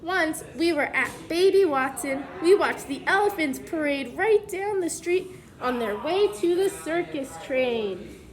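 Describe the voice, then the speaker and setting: High-pitched and expressive, a woman reads a picture book aloud to small children, stopping now and then to explain things in simple terms the way a preschool teacher would.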